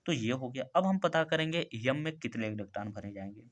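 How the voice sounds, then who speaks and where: A man's voice: mid-range voice, lively intonation. A man explaining a chemistry lesson in a casual classroom style, often asking himself short questions and answering them. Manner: repeats key terms as quick questions, says "ठीक है" and "भाई" often. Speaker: chemistry teacher.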